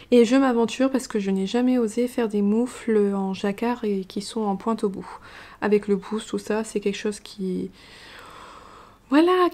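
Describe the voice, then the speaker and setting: A woman chatting casually about her knitting projects, rambling with fillers and restarts. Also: a little high. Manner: hushed, half-whispered talk. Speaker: knitting vlogger. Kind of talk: casual chat.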